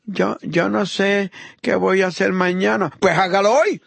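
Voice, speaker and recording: A man preaching a fervent sermon, swinging between loud high exhortation and low murmured praise, acting out the voices of the people in his story. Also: steady tone, a little slow, gravelly, slightly rough, dry recording. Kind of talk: impassioned sermon.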